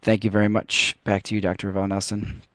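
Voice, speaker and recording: Man staffing an online meeting, reading notices, low and dry. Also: completely flat delivery, fast, fairly bright tone, no room sound. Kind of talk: procedural announcement.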